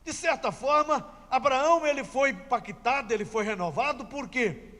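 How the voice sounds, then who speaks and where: A man delivers a sermon in a very high, lively voice, retelling scripture with emphasis and repeating his key lines. His voice rings out through a church with a long reverb. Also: moderate pace. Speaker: preacher.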